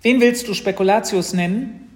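A man voicing an excited, bossy little girl who talks high, loud and pushy. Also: moderate pace, close to an everyday voice.

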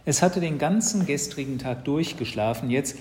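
A man reading a children's Christmas story aloud as narrator, in a lively storytelling manner. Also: a little high, normal speed.

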